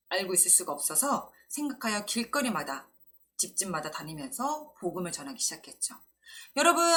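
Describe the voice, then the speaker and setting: Woman, children's pastor, gentle storytelling sermon with a very animated pitch. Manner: gentle storyteller, acts out quoted lines. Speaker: children's Sunday school preacher.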